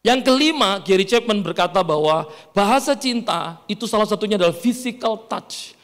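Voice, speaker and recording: A middle-aged pastor with a high, very lively voice that leaps around as he tells stories. He jokes and teases the congregation, and his words ring through a reverberant church hall. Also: normal speed. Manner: storytelling, joking, playful with the congregation. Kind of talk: sermon.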